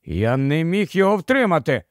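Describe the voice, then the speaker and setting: A man reading the part of a sensible, quick-thinking boy in a storybook, speaking earnestly. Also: a little high, very animated, no room sound, studio quality.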